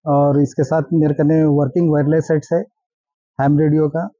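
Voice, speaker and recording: A man from Hyderabad, India, who owns a vintage jeep and operates ham radio, explains things in a casual interview, his Hyderabadi-accented speech mixed with English terms. His voice is fairly high with a level, dark tone and a normal speed, captured in a dull, dry lo-fi recording with no echo.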